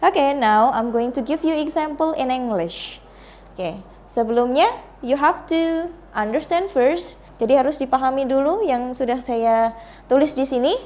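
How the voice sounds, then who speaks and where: Young indonesian woman teaching english, high-ish voice, draws out drill words slowly with big rises and falls. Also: darkish tone. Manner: slow, exaggerated intonation in drilled examples. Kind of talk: bilingual classroom lesson.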